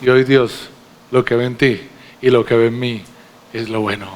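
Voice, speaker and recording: A man preaching in a church, emphatic and direct with his congregation. He asks rhetorical questions in a mid-pitched voice. Faint noise sits behind him. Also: fairly even intonation, moderate pace. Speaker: pastor. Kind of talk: sermon.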